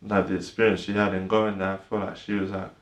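A young man born in Ireland and raised in the UK talks casually as a podcast guest, hesitant and soft-spoken, trailing off and filling gaps with "like." His low, level voice is flat and fast, and the echoey sound suggests a bare room.

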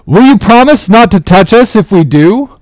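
A rebellious sailor and ringleader, acted by a male narrator, bold and defiant. His pitch is raised and lively as he jerks out his sentences in a storybook drama, recorded dry. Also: moderate pace, no echo. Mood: wary demand. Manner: jerking out sentences, crying out boldly. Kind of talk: dramatic audiobook character voice.

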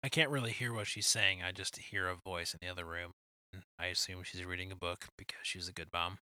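A young man hosting a casual podcast chat, teasing and quick to laugh. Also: low-pitched, fairly even intonation, sharp tone, no room sound. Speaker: podcast host.

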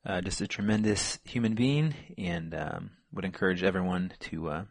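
A man co-hosting a sports podcast in casual chat, relaxed and full of fillers. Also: low-pitched, normal speed, dry recording. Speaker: podcast co-host.

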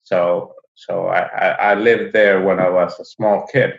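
Guest voice: low, unhurried man from Finland, halting speech, muffled echoey call audio. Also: little pitch movement, vocal fry. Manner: halting, frequent restarts. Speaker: podcast guest. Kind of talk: casual interview chat.

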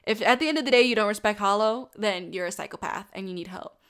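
A young woman casually reviewing a show in an animated, rambling way, swearing now and then and mocking characters in put-on voices. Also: mid-range voice, quick pace, smooth.

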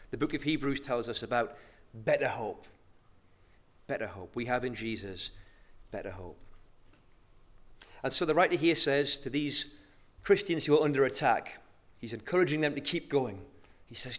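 A man preaching a sermon, moving between hushed, slow emphasis and loud, rising exhortation. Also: mid-range voice.

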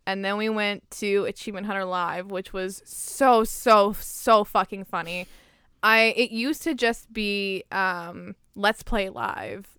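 Young woman, casual chat, gushing and profane, resonant clear tone, middle pitch. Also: no room sound, studio quality. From Canada. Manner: excited, swears freely, laughs through stories. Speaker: podcast co-host.

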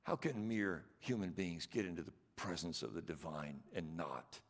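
A man's voice: deep voice, lively intonation, moderate pace. A man preaching a sermon as pastor, earnest and emphatic, repeating his questions to the congregation. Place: church sanctuary. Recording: long church reverb.

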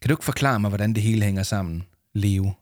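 A man's voice: lowish voice, darkish tone, no room sound, clean studio sound, close to an everyday voice. A man voicing a nervous, stammering schoolboy in a children's audiobook. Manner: stammering, hesitant.

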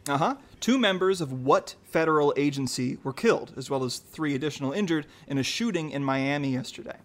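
A man's voice: a little high, a bit bright. Upbeat man hosting a trivia game. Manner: upbeat, chatty, reads questions slowly. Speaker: quiz host. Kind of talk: casual quiz hosting.

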